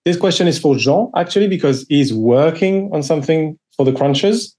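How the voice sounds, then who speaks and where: A man's voice: fairly high pitch, lively intonation, moderate pace, dark tone. Man moderating a webinar. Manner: reads audience questions aloud. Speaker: webinar host.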